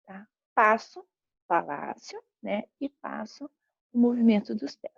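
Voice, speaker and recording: A woman's voice: fairly high pitch, expressive, slow, vocal fry, breathy edge, no echo. A Brazilian woman teaching a school grammar lesson, patiently repeating examples and checking in with her students as she goes. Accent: Brazilian Portuguese. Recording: dull lo-fi recording.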